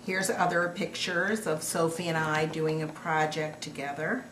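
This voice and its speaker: Sweet old lady, grandmother, unhurried pace, slightly low voice, affectionate casual storytelling. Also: level tone. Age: older, grandmother. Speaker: grandmother narrating family photos. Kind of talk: casual reminiscing over photos. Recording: echoey room with clear background noise.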